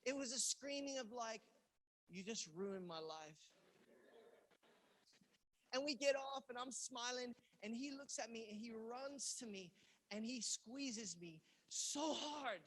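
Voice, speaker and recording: Animated storytelling male pastor from England. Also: very high voice, unhurried, breathy edge. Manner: animated storyteller who acts out quoted lines with loud outbursts. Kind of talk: sermon storytelling. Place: church in Los Angeles.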